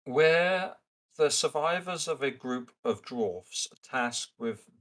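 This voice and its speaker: A man voicing a raspy, weary female dwarf survivor who asks for help in a stilted, read-aloud delivery. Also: medium pitch, animated, slow, fairly bright tone, pitched above the performer's own voice. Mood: grave.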